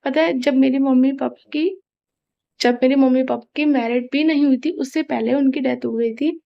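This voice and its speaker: A woman's voice: sits high, steady tone, moderate pace, creaky, dull audio. A young woman chatting casually in a home vlog, rambling and apologetic, with a sore throat. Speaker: vlogger. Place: family home, indoors.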